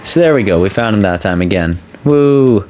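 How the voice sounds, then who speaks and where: A video game let's player with a low voice gives casual commentary in an animated, fast manner, recorded as an indoor voice-over. Having just had a wisdom tooth out, he talks a little carefully with a sore mouth.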